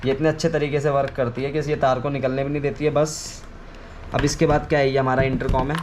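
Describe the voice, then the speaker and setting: Fast speech with little pitch movement marks this man's mid-range voice. He's a video creator chatting casually through a practical tutorial, step by step and often repetitive. Ambient noise is clearly audible.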